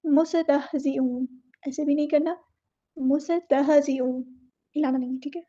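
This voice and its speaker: Woman recitation teacher, high and fairly level voice, mellow tone, patient and instructive, slightly dull recording. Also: steady tone. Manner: alternates slow drawn-out recitation with brisk explanation; patient, instructive, repeats words to model correct pronunciation. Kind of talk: tajweed lesson, word-by-word explanation.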